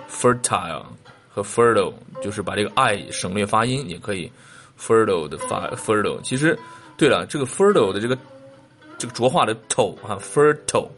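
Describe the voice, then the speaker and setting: A man's voice: lowish voice, fairly bright tone. A man teaching a lesson, patiently explaining translations, asking questions and spelling out words letter by letter. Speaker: English teacher.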